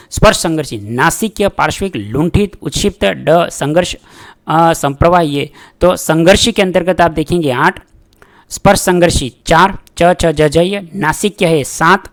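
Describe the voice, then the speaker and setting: A man's voice: a little high, vocal fry. A male teacher giving an exam prep grammar lesson, calling his viewers friends and reading out quiz questions with their answers.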